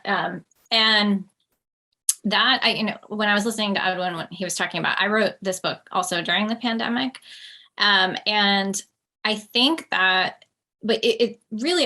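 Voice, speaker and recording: A woman's voice: mid-range voice, pushed and bright. A woman author in a panel talk, chatting loosely with many fillers. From United States. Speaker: author guest. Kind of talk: panel discussion.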